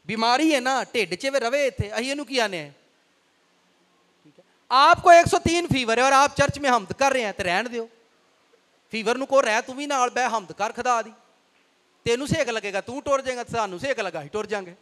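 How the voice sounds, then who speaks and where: A pastor with a Punjabi accent preaching a lively sermon, dropping into folksy Punjabi asides. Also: male voice, very high voice, moderate pace. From Pakistan.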